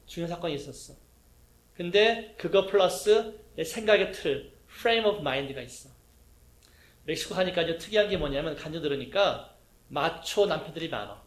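Korean-speaking pastor preaching in an echoey hall. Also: male voice, on the high side, normal speed. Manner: lively preaching with acted-out quotes and questions to the congregation. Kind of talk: sermon teaching.

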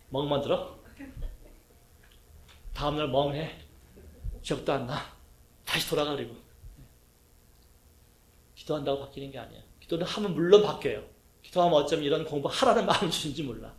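A middle-aged male pastor preaches a sermon. His voice sits a little high for a man, and he keeps throwing questions to the congregation and acting out little quotes. The room around him rings with echo. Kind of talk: sermon teaching.

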